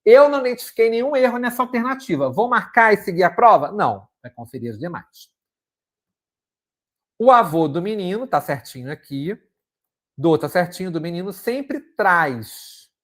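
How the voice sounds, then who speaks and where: Didactic teacher quizzing his class. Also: sits high. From Brazil. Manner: didactic, checks in with frequent "ok?" and rhetorical questions. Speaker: Portuguese teacher. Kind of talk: exam-prep lesson.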